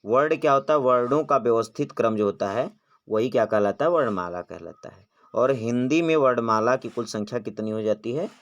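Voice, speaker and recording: Heard through lo-fi sound, a man with a mid-range voice moves fairly quickly through a grammar lesson aimed at exam preparation. He poses questions he answers himself and stretches out vowels while demonstrating them.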